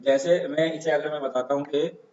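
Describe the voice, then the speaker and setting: Male tutorial host, a bit high-pitched, chatty and easygoing, roomy dull recording. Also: steady tone, normal speed, darkish tone. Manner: conversational, keeps saying "theek hai". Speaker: online marketing tutor. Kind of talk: screen-share tutorial.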